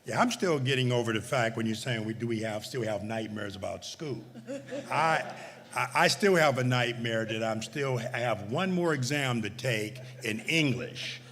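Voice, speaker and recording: A man's voice: mid-range voice, expressive, moderate pace, a bit bright. A middle-aged man hosting a graduation ceremony, speaking casually with stammers, restarts and laughing asides. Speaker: ceremony host. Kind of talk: ceremony remarks. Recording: reverberant hall, faint noise.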